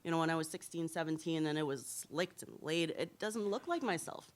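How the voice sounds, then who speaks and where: A woman's voice: low voice, a little fast. A woman in her thirties from Trinidad and Tobago, a hair blogger answering interview questions in a candid storytelling way at a symposium.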